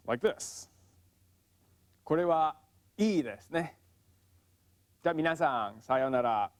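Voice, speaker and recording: Man teaching, slow careful drills. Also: a little high, expressive. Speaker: language teacher. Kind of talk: scripted lesson narration.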